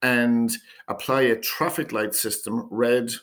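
A man who founded a company, answering interview questions in a steady, measured way with occasional repeated words. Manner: measured pitch, repeats words when starting phrases.

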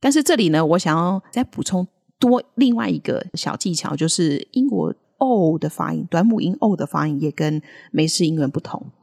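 Woman host, low and husky, very animated delivery, casual teaching patter with lots of laughter. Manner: laughs often, models English words slowly. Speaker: podcast co-host teaching English accents. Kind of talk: casual language-lesson chat.

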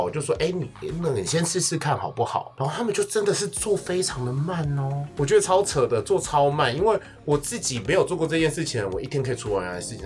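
A man, co-hosting a casual podcast and venting animatedly about work, acting out office quarrels. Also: mid-range voice. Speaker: podcast co-host.

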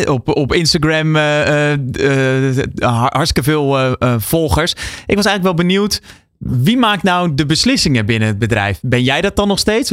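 A man from the Netherlands interviews his guest, asking questions hesitantly and restarting often. His voice sits a little high for a man. The recording is dry and close. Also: fairly bright tone, no echo. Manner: hesitant, many fillers and restarts. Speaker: podcast host, interviewer.

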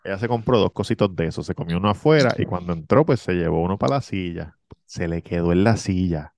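A man's voice: deep voice, quick pace, vocal fry. A man telling a travel story in casual chat, acting out the people in it. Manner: animated, acts out the people in his story. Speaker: podcast host.

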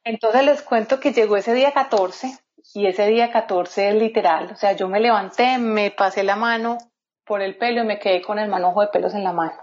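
A woman's voice: medium pitch, fairly quick, a little mellow. A woman guest in an interview, telling a personal story in an earnest, heartfelt way. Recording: slightly dull lo-fi sound.

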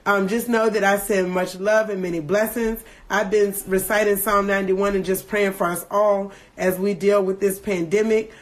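A woman hosting a devotional livestream, reading scripture slowly and deliberately, then breaking into quick, animated asides. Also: mid-range voice. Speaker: podcast host leading a devotional livestream. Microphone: phone livestream.

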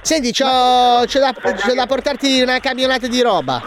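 A man's voice: very high-pitched, normal speed, background noise. A man putting on a swaggering shoe-fence caller. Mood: bullying. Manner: swaggering, rude, threatening. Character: brash bullying male shoe-fence caller from near Naples. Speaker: prank caller.

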